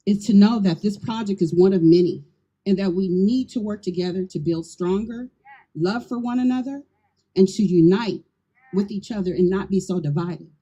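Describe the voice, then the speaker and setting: A woman's voice: medium pitch, warm tone, breathy edge, low-quality recording. Earnest middle-aged woman giving a rousing speech. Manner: earnest and rousing, calls to the crowd. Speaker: community land trust leader. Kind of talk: public speech at an outdoor event. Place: outdoor groundbreaking ceremony. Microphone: handheld microphone on a PA.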